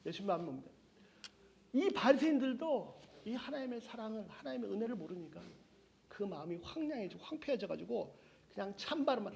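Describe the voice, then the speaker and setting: High-voiced man preaching with animated delivery. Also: creaky. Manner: animated, acts out quoted voices, chuckles often. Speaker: Bible teacher. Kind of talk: sermon.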